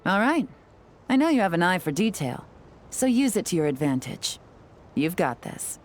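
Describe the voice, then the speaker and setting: This video game cutscene features a woman as a composed, cool-headed female spy, delivering lines in a calm, measured, quietly self-assured manner. Her pitch is fairly low, with slight background noise.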